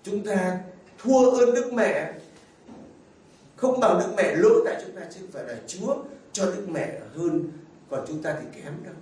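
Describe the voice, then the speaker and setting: A male priest delivers a homily in a high-pitched voice, questioning his listeners as he goes. His voice rings through a very reverberant church, picked up from some distance. A faint room ambience sits underneath. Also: animated, moderate pace, pauses often, a little mellow, slight background noise. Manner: asks the congregation rhetorical questions. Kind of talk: sermon. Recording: very echoey, far from the mic, faint ambience.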